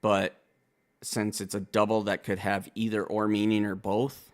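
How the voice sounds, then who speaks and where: A man's voice: fairly low pitch, little pitch movement, unhurried. A man reviewing a rap album in casual, profane commentary, calling himself a country boy as he breaks down the lyrics. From Wisconsin. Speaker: music reaction reviewer.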